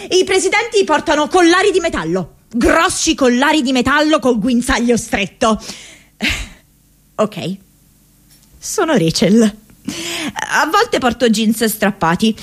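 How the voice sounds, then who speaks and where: Voicing a restless, intense, playful young woman of college age, an actress performs a confessional radio theatre monologue in a voice on the high side. She sounds candid and playful, halting at times, with dramatic pauses broken by sudden bursts.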